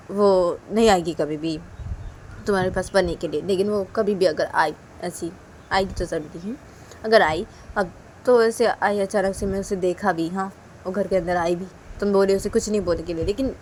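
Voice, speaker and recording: A woman's voice: medium pitch, darkish tone, slight background noise, lightly acted. A woman doing a teasing playful dad. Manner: joking, innocently insistent. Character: teasing playful middle-aged father.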